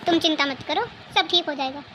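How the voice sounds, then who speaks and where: A woman's voice: high-pitched, a little fast, background noise, lightly acted. Woman doing a young husband in a cartoon. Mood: reassuring. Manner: reassuring, calm. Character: caring young husband, son. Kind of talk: cartoon dubbing.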